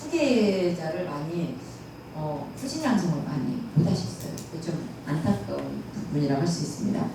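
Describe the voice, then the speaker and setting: A woman's voice: sits low, lively intonation, moderate pace. Folksy female lecturer, recorded far off in an echoey room with faint noise. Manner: chatty, folksy, mimics dialect phrases. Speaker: pansori lecturer. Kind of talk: casual lecture with audience questions. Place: lecture room at a cultural center. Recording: echoey hall, distant mic.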